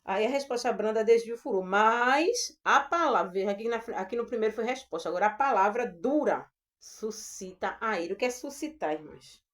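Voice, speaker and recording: A woman with a Brazilian Portuguese accent giving a gentle, earnest devotional Bible talk, addressing her listeners as sisters. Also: fairly high pitch, expressive, brisk. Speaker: preacher.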